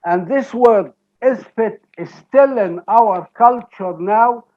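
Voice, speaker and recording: Egyptian guy giving a slow lecture, fairly high voice, kinda dull lo-fi sound. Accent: Egyptian Arabic. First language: Arabic. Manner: deliberate, explanatory, asks "okay?" often. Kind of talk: academic lecture.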